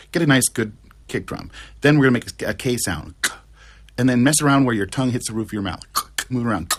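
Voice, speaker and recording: A man who teaches music, giving a casual video lesson in a slangy, relaxed way with a bit of swearing. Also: medium pitch, background noise.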